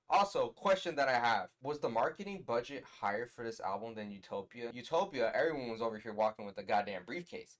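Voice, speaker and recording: A man in his twenties from the US West Coast, sitting in his bedroom and giving a casual, blunt album review with exasperated rants and loud bursts of emphasis. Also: fairly low pitch. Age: 20s. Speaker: music reviewer.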